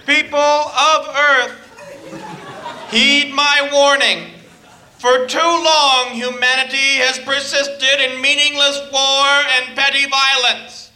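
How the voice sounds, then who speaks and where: An actor playing a grandiose small-time dentist who has hijacked a radio broadcast to proclaim himself ruler of the world. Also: male voice, extremely high pitch, flat delivery, bright, forceful tone, roomy sound, soft background music, full character voice, low-quality recording. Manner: grandiose, proclaiming, slow and deliberate.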